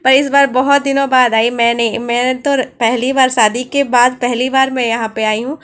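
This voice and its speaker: A woman's voice: high voice, level tone, moderate pace, a bit bright. A woman in her thirties narrating a casual family vlog, chatty and addressing her viewers directly. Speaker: vlogger.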